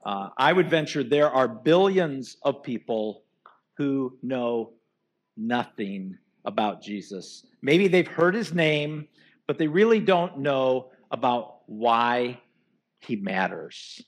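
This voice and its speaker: A man's voice: medium pitch, very animated, slow. A man giving a sermon as pastor, earnest and asking the congregation rhetorical questions. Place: church before a live congregation.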